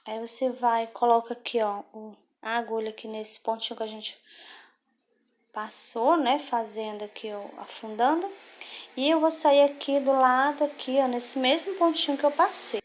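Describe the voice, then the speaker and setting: A woman's voice: a little high, steady tone, moderate pace. Patient woman teaching a craft. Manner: patient, checks in often with the viewer. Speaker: craft instructor. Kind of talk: step-by-step craft tutorial.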